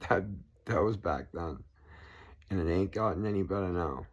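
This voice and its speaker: This political vlogger, a man with a Boston accent and a low voice, talks a little slowly as he rambles on at length to camera. His rant is profane, with constant swearing.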